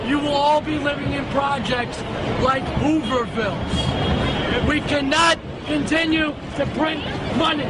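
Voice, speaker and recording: High-pitched American man in an agitated street rant. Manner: agitated, indignant, shouting in short repeated slogans. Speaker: street protester giving a speech. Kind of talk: impassioned political rant at an outdoor protest. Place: outdoors on a city street among a crowd. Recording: noisy outdoor street with loud crowd and traffic.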